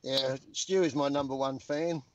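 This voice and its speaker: A man's voice: mid-range voice, fairly even intonation, normal speed, no echo. Joking man on a dull line. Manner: crude joking banter. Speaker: guest. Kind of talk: casual chat.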